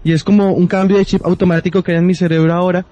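A man's voice: high voice, flat delivery, racing, warm tone, dull audio. A man from Colombia with a Colombian accent, rambling and correcting himself as he explains things in a casual podcast chat. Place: Madrid.

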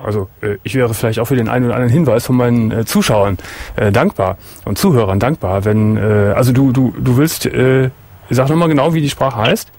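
Man, call-in radio host, gravelly mid voice, calm and probing, hesitant restarts. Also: medium pitch, brisk. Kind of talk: late-night call-in radio chat. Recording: radio broadcast.

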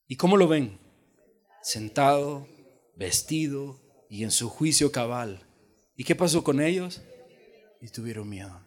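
A pastor from El Salvador preaching a lively sermon, joking and acting out the voices in the story. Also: male voice, a little high. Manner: animated preaching with jokes and acted-out voices.

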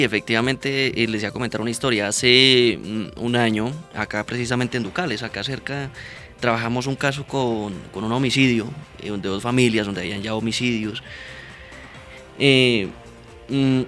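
Policeman explaining mediation on radio, steady earnest voice, faint music under it. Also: medium pitch. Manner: earnest, explanatory, frequent "¿verdad?" and "¿sí?" tags. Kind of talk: radio interview answers.

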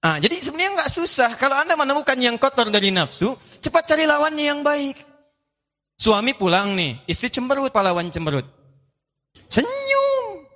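A man preaching a sermon to a live audience, playful and animated, acting out little dialogues and reciting Quranic verses. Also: very high-pitched, fairly quick, big-room sound.

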